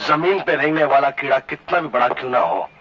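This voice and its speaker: An actor playing a defiant, swaggering street-tough hero with Bombay street Hindi, cocky and taunting, in a Bollywood melodrama. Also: male voice, a little high, very animated, quick pace. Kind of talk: Bollywood melodrama film acting. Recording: dull lo-fi old film soundtrack.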